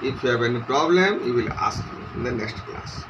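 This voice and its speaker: A man's voice: medium pitch, expressive, dull audio, heavy background noise. A man teaching an English grammar lesson, asking questions and answering them himself. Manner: slow, questioning, answers his own questions.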